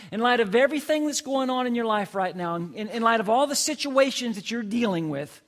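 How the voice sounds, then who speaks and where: Male pastor, middle-aged, high and animated voice, chatty sermon delivery with rhetorical questions. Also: brisk. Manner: conversational, playful preaching with rhetorical questions.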